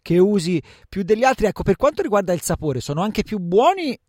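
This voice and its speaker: A man's voice: high voice, sing-song, a little fast, darkish tone, dry recording, clean studio sound. A man hosting a casual radio interview in a playful, bantering way. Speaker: radio host.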